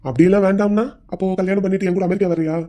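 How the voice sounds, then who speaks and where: A voice actor playing a patient young groom who gently coaxes his bride to open up in a cartoon. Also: medium pitch, steady tone, racing, lightly acted. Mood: coaxing. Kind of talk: Tamil cartoon voice acting.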